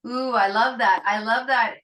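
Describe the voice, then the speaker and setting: A woman's voice: fairly high pitch, steady tone, normal speed, pushed and bright. A woman hosting a podcast, enthusiastic and affirming as she reacts to her guest and addresses listeners. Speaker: podcast host. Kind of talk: podcast interview.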